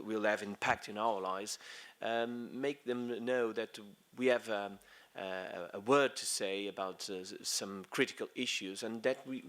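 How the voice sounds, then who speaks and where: A middle-aged man with a Portuguese accent delivers a conference speech in English. His voice sits somewhat low. He halts often, hunting for words between fillers and restarts. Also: a bit bright. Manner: halting, many fillers and restarts. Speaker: conference speaker.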